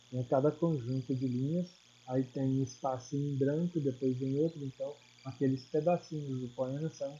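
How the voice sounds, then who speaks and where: Brazilian male teacher, patient and repetitive explainer, mid-pitched voice, slightly dull lo-fi audio, faint crickets behind. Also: warm tone, a little hiss or hum. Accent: Brazilian Portuguese. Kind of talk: recorded video lesson.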